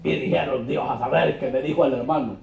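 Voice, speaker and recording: A pastor from Honduras preaching a sermon in a church, colloquial and mocking, acting out quoted dialogue. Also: male voice, mid-range voice, brisk, creaky, darkish tone. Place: church hall. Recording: echoey church, dull lo-fi sound.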